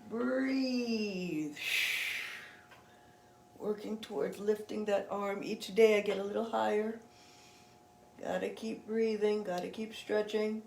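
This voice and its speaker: A woman leads a gentle yoga stretch class, chatting warmly and encouraging between breathing cues. Her voice sits at an ordinary middle pitch. It is recorded in a roomy home space with a faint hum behind her. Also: gravelly. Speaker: yoga instructor. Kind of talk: guided gentle yoga instruction.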